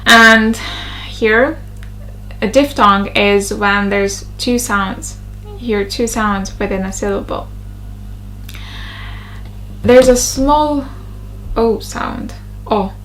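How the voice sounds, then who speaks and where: Woman doing pronunciation drills, slow and careful, says each word again and again, faint hum. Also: on the high side, fairly bright tone, low-quality recording. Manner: slow, deliberate, repeats words over and over. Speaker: pronunciation coach.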